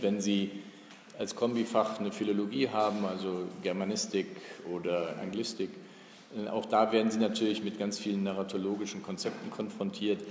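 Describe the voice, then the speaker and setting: Low-voiced man lecturing in an echoey hall. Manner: relaxed, thinking aloud with many fillers. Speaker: university lecturer. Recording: roomy echo in a lecture hall, faint room noise.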